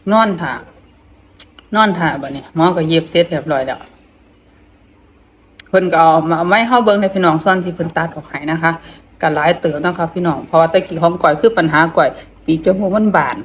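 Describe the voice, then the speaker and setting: A middle-aged woman with an Isan accent chats casually while eating, talking with her mouth full, haltingly, repeating phrases and murmuring between them. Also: fairly low pitch, a little hiss or hum, rough recording. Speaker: vlogger.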